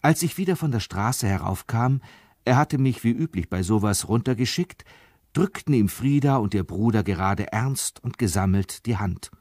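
Measured male storybook reader, low voice. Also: lively intonation, a little mellow, no room sound, studio quality. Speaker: narrator. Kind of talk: scripted literary reading.

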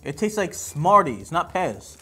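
Guy rambling and cracking jokes at himself while unboxing, some music playing low behind him. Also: big pitch swings, a little slow, bright, forceful tone, breathy edge. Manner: joking, rambling, self-deprecating. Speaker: host. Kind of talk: casual unboxing chat.

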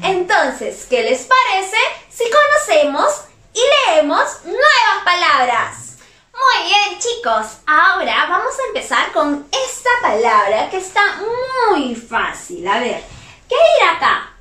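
A young woman teaching a reading lesson to small children, in a slow, sing-song, exaggerated teacher voice. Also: extremely high pitch, very animated, bright, forceful tone. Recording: roomy echo.

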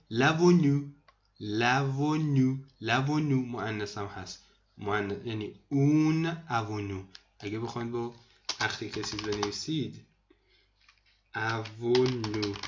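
A man teaching vocabulary to students in a screen lesson, repeating each word slowly and explaining it. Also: medium pitch, muffled recording, a little hiss or hum. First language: Persian. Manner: repeats words slowly, addresses students as kids. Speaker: language teacher.

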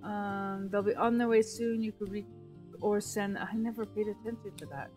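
A woman's voice: medium pitch, fairly even intonation, moderate pace, darkish tone, soft background music, rough recording. A woman commentating casually on her own gameplay, thinking aloud, while losing her voice. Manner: thinks aloud, self-talk with frequent restarts. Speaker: gameplay streamer.

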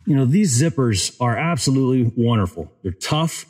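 On a wooded trail, a man in his forties films himself for a casual gear review vlog, talking through a hiking backpack. His mid-range voice has a breathy edge and a moderate pace, and he sounds relaxed and chatty with lots of fillers. The sound comes from a handheld action camera held at arm's length.

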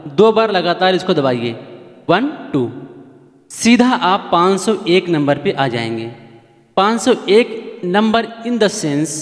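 A man's voice: high-pitched, long reverb tail. A man hosting a casual how-to keyboard tutorial, chatty and repetitive, often asking viewers to keep watching. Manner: chatty, repeats points, pleads with viewers.

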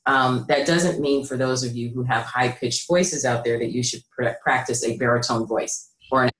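As a guest on a video call, this business consultant, a middle-aged American woman, walks through her work at a measured, conversational pace. Her low voice is rich and deep. She's indoors in a small room at home or an office, and her computer microphone makes the call sound roomy and echoey.

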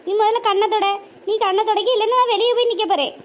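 A scheming daughter who scolds and nags in quick, sharp bursts, as a woman voices her. Her rides on a very high voice. Faint ambience hums underneath. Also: steady tone, slight background noise. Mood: scolding. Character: scheming impatient grown daughter. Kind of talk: cartoon voice acting.

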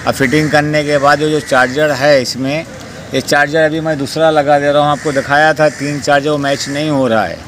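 Mechanic guy walking through a scooter fix outdoors, pretty monotone, says the same thing twice, street noise all around. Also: fairly high pitch, a little fast. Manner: plain, repetitive explaining with many fillers. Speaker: motorcycle mechanic. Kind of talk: hands-on repair tutorial. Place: outdoor street repair spot. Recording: noisy outdoor street recording.

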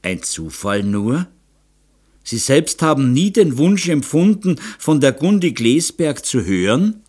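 A man's voice: mid-range voice, sing-song, slow, a little mellow, voice pushed up. A man reading an audiobook voices a remorseful, timid middle-aged woman who pleads and blames herself. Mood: pleading. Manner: pleading, self-reproaching.

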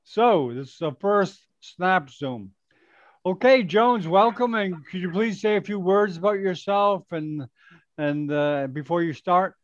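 An older man hosts a live webcast, introducing his guest in a loose, chatty way full of fillers and restarts. His voice sits a little high. The headset sound is bone-dry and muffled, like typical video-call audio. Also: measured pace, no room sound. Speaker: host.

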